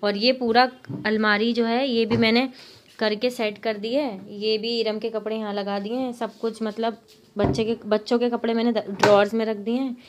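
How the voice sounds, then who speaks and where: A woman's voice: fairly high pitch, flat delivery, normal speed, slight background noise. A woman chatting casually to her viewers in a vlog, talking straight to them with plenty of fillers. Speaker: vlogger. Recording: music playing underneath.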